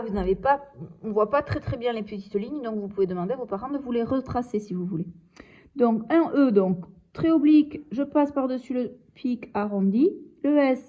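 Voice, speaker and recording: A woman teacher giving a slow, patient reading and handwriting lesson to young children, sounding out letters and describing each pen stroke. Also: a little high, mellow, muffled recording.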